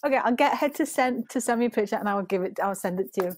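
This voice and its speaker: A woman's voice: on the high side, fast, dry recording. A woman in her forties with a Scouse accent, a podcast guest chatting casually and laughing often. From Liverpool, England. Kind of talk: casual chat.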